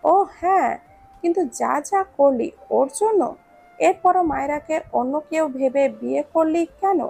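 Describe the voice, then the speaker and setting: A woman's voice: sits high, a little slow, vocal fry, dark tone. A woman voicing a nosy, teasing young man in a read-aloud romance story, chatty and full of questions.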